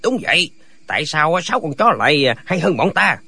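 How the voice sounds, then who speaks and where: Male actor voicing a pack of silly, bickering hermit brothers in a radio drama, husky and singsong. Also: a little high, big pitch swings, moderate pace, sharp tone, no echo, exaggerated voice. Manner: bickering, argumentative back-and-forth. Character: six squabbling, foolish male martial hermits.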